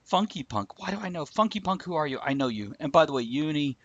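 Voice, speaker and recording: A man hosts a live-streamed video chat show, joking, laughing often and talking with viewers. His voice is on the high side, quick, with lively intonation. Recorded over a video call, the sound is lo-fi with no room sound.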